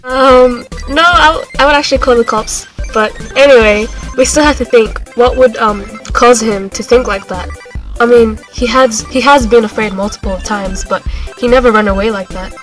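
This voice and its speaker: A woman's voice: fairly high pitch, normal speed, faint music behind, low-quality recording. A young woman giving casual, conversational rebuttals in an informal book debate. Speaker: student debater.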